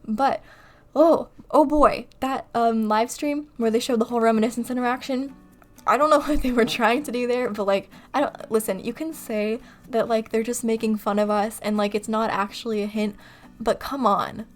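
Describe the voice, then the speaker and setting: Casual voice-over creator: a woman from California, rambly and self-mocking, pitched a little high, faint music underneath. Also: steady tone. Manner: rambling, chatty, quick to laugh at herself. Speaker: video creator. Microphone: desktop mic on computer recording software.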